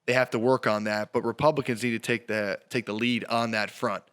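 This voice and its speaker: A man's voice: medium pitch, steady tone, fairly quick, a bit bright, clean tone. A man hosting his podcast, delivering a punchy, emphatic political monologue with repeated phrases. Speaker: podcast host.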